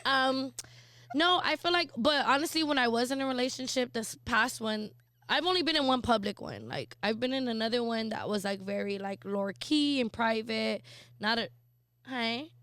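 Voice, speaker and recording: A young woman chats loosely on a podcast, piling up fillers as she works through her thoughts. Her voice sits a touch high. The recording is dry and close. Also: expressive, normal speed, fairly bright tone, no echo. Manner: loose, rambling, lots of fillers and laughs. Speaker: podcast co-host. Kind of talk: casual chat.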